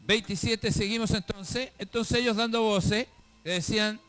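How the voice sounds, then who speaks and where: A man's voice: sits high, steady tone, normal speed, a bit bright, clear, resonant tone. A male pastor giving a fervent sermon to a congregation, calling them brother and throwing out rhetorical questions. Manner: fervent preaching, calls listeners "hermano", rhetorical questions. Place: church service, filmed for a web show.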